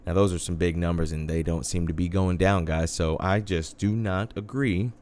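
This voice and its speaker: A man's voice: sits low, fairly even intonation, normal speed, darkish tone. A man hosting a casual internet radio show, chatty and laid-back, often calling his listeners "guys" and mixing in dry sarcasm.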